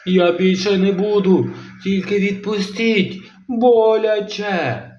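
A huge, grumpy sea monster growls in slow, menacing drawls, as a man plays him in a children's audio story. His voice swings widely in pitch. The recording is roomy and a little dull. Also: very animated, slight background noise. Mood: pleading.

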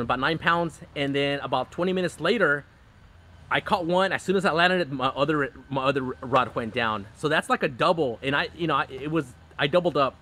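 Speaking fairly high and a bit bright, this middle-aged fishing-channel host rambles casually during a backyard live stream, with lots of fillers, false starts and laughing fits. He's outside under a canopy, recorded close up on a phone camera.

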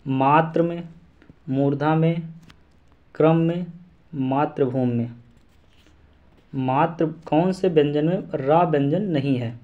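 A man's voice: a little high, slow, pauses often, narrow, tinny audio. A man teaching an exam-prep lesson, repeating syllables and memory rhymes aloud to drill them in.

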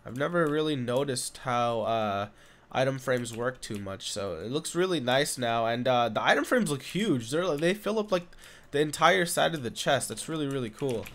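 A young man with a stuffy nose from being sick, rambling casually over his gameplay with lots of fillers and bursts of excitement. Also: mid-range voice, moderate pace. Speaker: gaming YouTuber. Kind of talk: casual Minecraft let's play commentary. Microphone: condenser desk mic.

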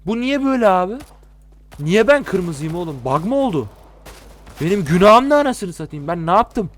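A man's voice: high voice, very animated, moderate pace. Exasperated young man with a Turkish accent. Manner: exasperated, swearing, talks to viewers. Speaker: gaming YouTuber. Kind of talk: gameplay commentary.

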